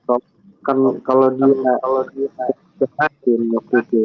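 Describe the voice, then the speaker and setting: A man calls in to a live chat over an online connection that keeps breaking up and cutting out. His voice is muffled and lo-fi, with a slightly husky edge, and he tends to repeat words and restart his sentences. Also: medium pitch, flat delivery, moderate pace, no echo. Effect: choppy, breaking-up online call audio. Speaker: guest caller on a livestream. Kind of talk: casual call-in chat. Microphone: computer without headset. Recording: muffled lo-fi call line.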